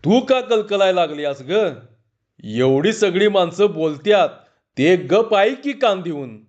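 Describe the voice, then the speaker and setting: A man voicing an angry village man who scolds a crowd loudly in rural dialect. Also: high voice, animated, takes it slowly, dull audio. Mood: irritated.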